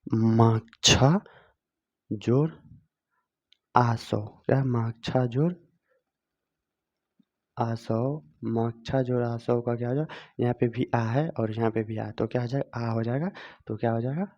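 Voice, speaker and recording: A man's voice: mid-range voice, steady tone, unhurried, pauses often, warm tone. A man teaching grammar in a video lesson, asking the viewer questions and answering them himself, repeating each step. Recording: dull lo-fi sound.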